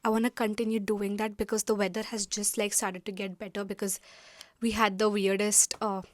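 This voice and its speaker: A woman's voice: medium pitch, level tone, brisk, dry recording, studio quality. A young woman from India vlogging casually to camera from her room, chatty and full of fillers. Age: young adult.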